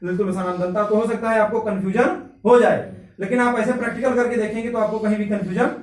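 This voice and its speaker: A man's voice: high voice, fairly even intonation, fast, distant mic. A man teaching Sanskrit grammar in a classroom, sounding out letters and quizzing his students. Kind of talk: classroom lesson. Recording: echoey room, mic from afar.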